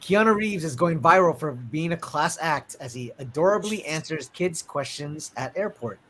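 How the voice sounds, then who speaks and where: A man's voice: on the high side, lively intonation, normal speed, pushed and bright, slight background noise. A man hosting a casual podcast, reading out news items in a loose, chatty way with plenty of fillers. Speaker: podcast host.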